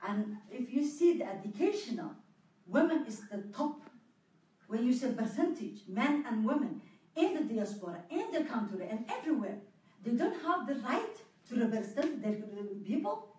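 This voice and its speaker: Earnest woman on a panel, kinda high voice, booming hall sound. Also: sing-song, mellow, a little hiss or hum. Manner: earnest, halting with fillers. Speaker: panel speaker. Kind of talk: public panel discussion. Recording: very echoey hall, far from mic.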